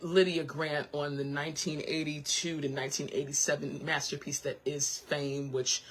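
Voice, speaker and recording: A woman hosting a radio show, chatting in an animated, sassy way. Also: normal speed. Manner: animated, sassy, swoops into high excited squeals. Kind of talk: casual talk radio chat. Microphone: studio microphone.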